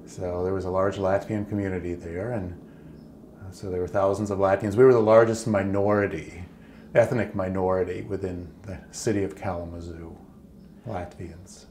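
A man's voice: low-pitched, steady tone, moderate pace, darkish tone, slight background noise. A man around sixty from Michigan, a guest talking openly and casually in an interview at his home. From Michigan, United States. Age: about 60. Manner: chatty, open, with casual fillers. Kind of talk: relaxed conversational interview. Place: living room at home, indoors. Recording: roomy indoor echo.

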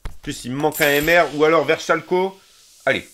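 A young man streaming a football video game, commenting on pack openings in a casual, excitable way, chanting and shouting when cards are revealed. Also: on the high side, fairly quick, slight background noise. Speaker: gaming streamer.

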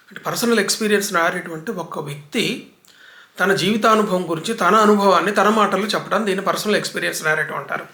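Bright-voiced older man lecturing. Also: high-pitched. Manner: unhurried, lecturing, piles up examples. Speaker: literary commentator. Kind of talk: reflective book talk. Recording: echoey room.

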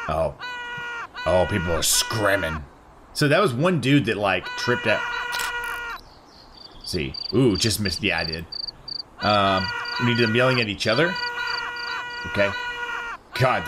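A man casually commentating as he plays a video game, reacting aloud and swearing freely. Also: fairly low pitch. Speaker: gaming channel host. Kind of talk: casual let's-play commentary. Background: game music.

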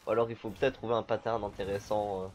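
A man streaming a card game, talking casually through his moves in a relaxed, rambling way with lots of fillers. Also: lowish voice, fast talker, a little hiss or hum. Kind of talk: casual gameplay commentary.

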